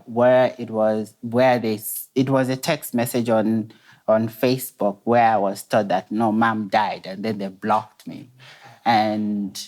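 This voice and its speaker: A young man, a guest telling his personal story softly and hesitantly at a dinner table, with many pauses. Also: mid-range voice. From Zambia. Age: 20s. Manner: soft-spoken, hesitant, many pauses and restarts. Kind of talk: personal story in a talk show. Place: indoor dining room set at a table.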